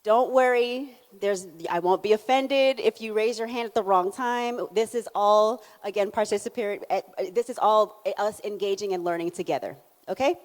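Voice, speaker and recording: A woman's voice: mid-range voice, moderate pace, hardly any pauses. A young adult woman from Canada with a Jamaican accent, giving a conference keynote and drawing in the audience with questions. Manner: animated, engaging the audience with questions and laughs. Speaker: keynote speaker. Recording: hall reverb.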